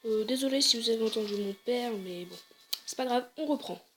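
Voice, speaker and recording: A woman's voice: a little high, a little fast, a little hiss or hum. A woman casually commenting on her game, chatty and hesitant, often correcting herself. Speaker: let's play gamer.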